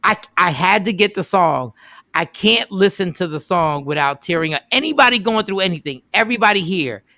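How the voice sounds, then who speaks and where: Man, radio host, casual storytelling, emphatic repeats, bright voice, gravelly edge. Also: high-pitched, a little fast, no echo, clean studio sound. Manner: animated retelling with quoted voices and emphatic repeats.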